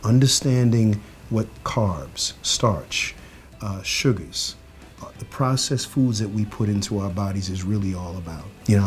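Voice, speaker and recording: A man hosting a nutrition series, talking enthusiastically with hesitant fillers. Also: on the low side. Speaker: series host. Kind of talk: promotional interview.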